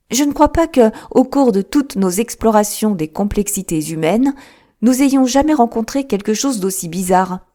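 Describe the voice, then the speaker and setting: A woman voicing a sharp, composed male detective in an audiobook, with a lifted, emphatic delivery. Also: mid-range voice, voice pushed up, lightly acted. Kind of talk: audiobook character reading.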